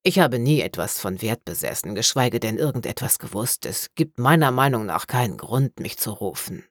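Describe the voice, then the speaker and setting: A reanimated old man speaks in a hoarse, low grumble, calm and politely matter-of-fact, as a woman reading the story puts him on. His voice sits deep and quiet. The recording is dry and close, with no room sound. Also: normal speed, dry recording. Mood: weary.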